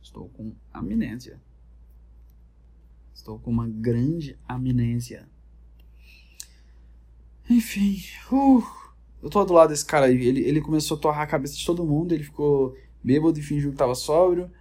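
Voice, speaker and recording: A man's voice: fairly high pitch, normal speed, darkish tone. A man with a Brazilian Portuguese accent rambling through comedic, profane reality-show commentary. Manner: rambling, profane, jokey storytelling. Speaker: vlogger.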